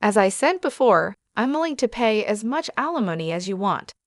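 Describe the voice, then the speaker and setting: A woman's voice: mid-range voice, sing-song, moderate pace, no room sound, natural voice. Woman narrator doing a scheming stepsister, brash, pushy, greedy, dry studio sound.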